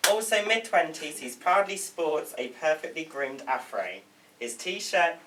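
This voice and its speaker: Reading the stage directions of a script at a table read, this man trips a little over his words. He has a fairly high, expressive voice and keeps a measured pace, and the distant microphone picks up faint room noise.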